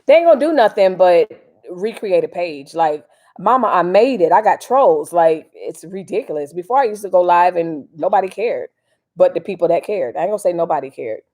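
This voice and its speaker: With a fairly low, darkish voice, lively intonation, and a fairly quick pace, an American woman from Miami hosts a casual livestream. She rambles in folksy slang as she responds to viewers and adds her commentary.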